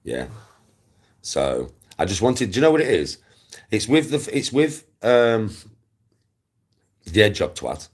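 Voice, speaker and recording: On his livestream, an English-accented streamer in his forties rants casually in an extremely low, creaky, husky voice, swearing a lot, speaking bluntly, and repeating points to hammer them in.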